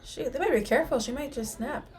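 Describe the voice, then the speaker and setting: Excitable woman reacting aloud. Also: sits high, fast. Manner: excitable, gasps and exclaims at the screen; speculates aloud to viewers. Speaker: reaction video host. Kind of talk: casual reaction commentary.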